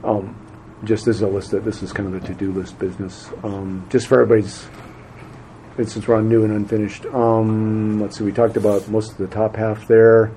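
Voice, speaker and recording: A man chairing a local meeting, talking in a halting way with many fillers and restarts. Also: on the low side, flat delivery, dark tone, slight background noise, poor audio. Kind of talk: casual meeting talk.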